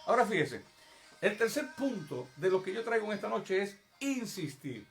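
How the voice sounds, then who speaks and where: Emphatic male preacher, high register, calls out to the congregation, faint music under the sermon. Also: big pitch swings, normal speed. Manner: emphatic, addresses the congregation directly; acts out prayers and pleas in a raised voice. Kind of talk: evangelical sermon. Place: church service.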